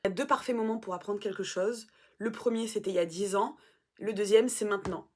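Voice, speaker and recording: A woman vlogger in casual chat, animated and self-mocking, swearing now and then. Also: mid-range voice, quick pace.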